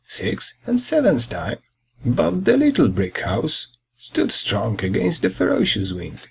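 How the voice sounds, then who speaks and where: Reading a children's fairy tale, a male storyteller uses a husky, gravelly, lowish voice with dramatic, expressive delivery. There is slight background noise.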